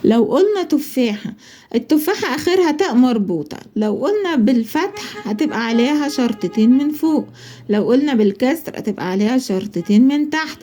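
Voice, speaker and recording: A woman with an Egyptian Arabic accent teaching a children's Arabic lesson. She asks herself questions and answers them, slowing down to spell words out. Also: fairly high pitch, dark tone. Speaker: primary school Arabic teacher. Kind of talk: explaining a school lesson.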